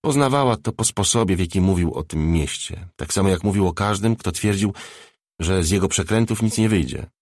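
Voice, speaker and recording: Guy reading a novel out loud, really low voice, steady and even. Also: fairly quick, no room sound, studio quality. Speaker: audiobook narrator. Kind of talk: scripted narration of a novel.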